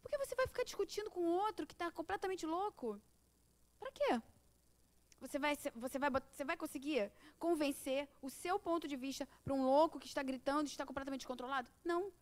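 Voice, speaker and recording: A middle-aged woman with a Brazilian accent leads an informal spiritual class. Her voice sits high, and she talks in a conversational way, putting rhetorical questions to her listeners. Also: quick pace, few pauses. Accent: Brazilian Portuguese. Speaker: course teacher.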